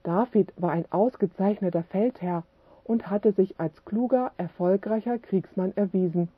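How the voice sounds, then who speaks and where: Woman reading a religious book, steady, husky, tinny phone-like sound. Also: medium pitch, normal speed, no echo. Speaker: audiobook narrator. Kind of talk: scripted narration of a religious book. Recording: tinny phone-like dry audio.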